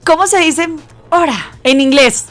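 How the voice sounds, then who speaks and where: A woman's voice: sits high, measured pace. A woman radio host chatting intensely and nonstop with her listeners and callers. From not from Mexico. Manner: talkative, intense, excitable. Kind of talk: lively radio chat with callers. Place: radio studio.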